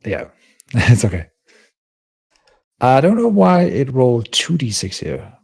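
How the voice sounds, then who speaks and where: A man's voice: mid-range voice, sing-song, slow pace, vocal fry, a crowd in the background. A man playing in a tabletop game, talking casually and hesitantly, repeating words as he thinks. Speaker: player.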